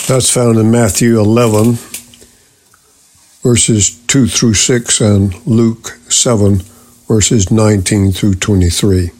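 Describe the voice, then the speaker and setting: A middle-aged man giving a scripted radio teaching on faith, measured and deliberate, citing scripture references. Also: lowish voice, fairly even intonation, a little mellow.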